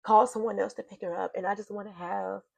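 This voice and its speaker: A woman's voice: medium pitch, fairly even intonation, fast talker, creaky, darkish tone, dry recording. A middle-aged woman, talking to her viewers in a casual confessional vlog from her home office, emotional and sighing as she speaks. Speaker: vlogger. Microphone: computer mic.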